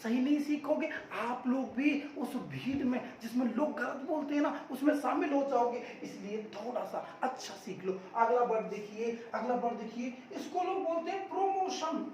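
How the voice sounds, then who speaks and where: A man's voice: very high-pitched, lively intonation, moderate pace, few pauses, a little mellow. A man teaching English pronunciation, repeating each word and quizzing the viewer before giving the answer. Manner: drills by asking and answering, repeats words emphatically. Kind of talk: spoken-English lesson. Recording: echoey room, mic at a distance, faint noise.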